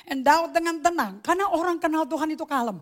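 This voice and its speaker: Woman pastor, very high voice, animated, emphatic sermon, slips in English phrases. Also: fast.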